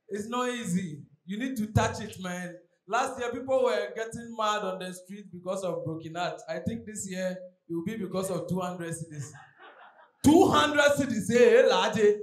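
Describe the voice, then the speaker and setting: A young Ghanaian man performing an animated, exclamatory stand-up comedy routine on stage through a handheld microphone. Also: high-pitched. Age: young adult. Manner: animated, exclamatory, acting out characters and street calls. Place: large hotel hall with seated audience, on stage. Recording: echoey hall PA with faint noise.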